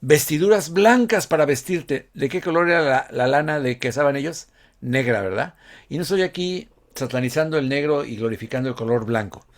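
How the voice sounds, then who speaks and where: A male preacher, speaking in a mid-pitched voice. He preaches in a chatty, conversational way, asking his congregation rhetorical questions and calling them brother. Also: a little fast. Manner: conversational, addresses listeners as "hermano", asks rhetorical questions. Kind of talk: sermon.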